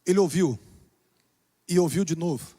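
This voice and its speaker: A pastor with a high voice preaches in a church. He drops to soft, low lines and then rises to loud exclamations. A long reverb from the hall trails every phrase. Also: moderate pace. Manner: preaching with dramatic shifts between soft and loud. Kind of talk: sermon.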